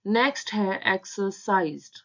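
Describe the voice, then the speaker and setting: Slow, patient woman teaching shorthand. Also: medium pitch, lively intonation, a bit bright. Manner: slow, patient, spelling out sounds. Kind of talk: step-by-step tutorial explanation. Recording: dull lo-fi sound.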